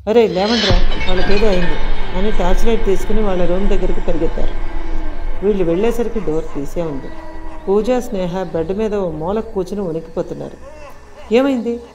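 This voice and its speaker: Female storyteller, lowish voice, dramatic spooky narration, soft music bed. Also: a little fast. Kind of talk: scripted audio story narration.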